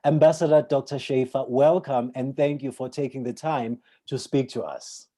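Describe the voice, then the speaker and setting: A man's voice: medium pitch, fairly even intonation, normal speed, warm tone. A man hosting a memorial event, introducing guests in a formal, courteous way. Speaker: host.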